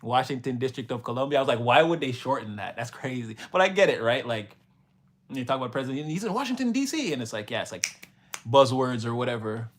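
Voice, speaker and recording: A man's voice: mid-range voice, lively intonation, quick pace. Chill montreal guy rambling on a live stream, slangy, laughs a lot. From Montreal, Canada. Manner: laid-back, slangy, laughs often, rambling asides. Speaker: livestream host answering chat. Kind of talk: casual livestream chat.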